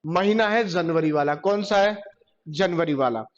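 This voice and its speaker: A male computer teacher lectures his class in a slightly high, slightly slow voice, quizzing the students and then answering his own questions. The classroom recording is dull and lo-fi.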